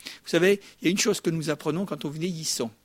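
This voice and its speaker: An older man preaching a sermon, his voice sitting a little high for a man. He talks to the congregation like a neighbour, lively and conversational, with frequent quick asides. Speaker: pastor.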